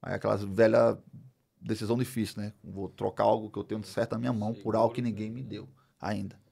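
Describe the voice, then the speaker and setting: A middle-aged Brazilian man telling a personal story as a podcast guest, animated, acting out the dialogue as he goes. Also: fairly low pitch, fast, vocal fry. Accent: Brazilian Portuguese. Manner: animated, acts out dialogue, many fillers. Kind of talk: storytelling in a casual interview.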